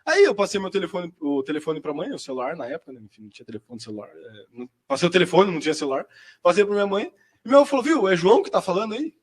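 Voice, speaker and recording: A young man, telling his personal testimony in a chatty, slangy way as a seminarian guest. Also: a little high. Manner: chatty, slangy storyteller, quick and lively. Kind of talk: personal testimony in casual chat.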